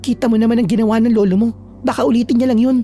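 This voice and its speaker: A woman voicing a feisty young woman who is a loyal friend, talking in a brisk, scolding but reassuring way. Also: fairly high pitch, fairly even intonation, warm tone, soft background music, close to an everyday voice. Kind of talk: storytelling with acted dialogue.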